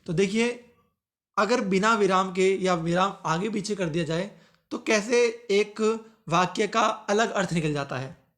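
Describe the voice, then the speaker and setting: A man teaching a grammar lesson as the channel's host, repeating his phrases and slowing down to read example sentences aloud. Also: high voice, a bit bright. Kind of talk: exam-prep grammar lesson.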